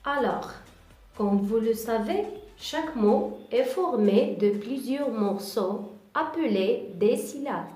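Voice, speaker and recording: Slow, patient woman teacher in an echoey room. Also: a little high, expressive, mellow. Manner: patient, repeats syllables slowly and clearly. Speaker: kindergarten teacher. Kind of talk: slow classroom reading lesson for children. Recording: echoey room, voice from far off, faint music.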